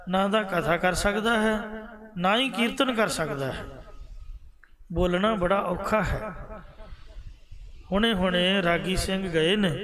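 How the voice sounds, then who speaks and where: A man giving an earnest devotional sermon to a congregation, appealing to listeners and sometimes chanting lines. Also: high-pitched. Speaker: Sikh preacher giving katha. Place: gurdwara hall before congregation.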